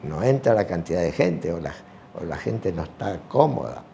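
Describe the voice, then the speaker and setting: Older man, low mellow voice, unhurried halting interview answers, faint hiss behind. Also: expressive, gravelly. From Argentina. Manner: slow, halting, with many fillers. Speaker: retired sports teacher.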